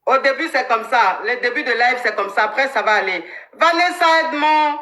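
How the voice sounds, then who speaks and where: A woman runs a live advice stream in an animated, chatty way. Her voice is high and bright, and it sits in a noticeably echoey room. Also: normal speed. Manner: animated, thanks viewers by name. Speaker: live-stream relationship coach.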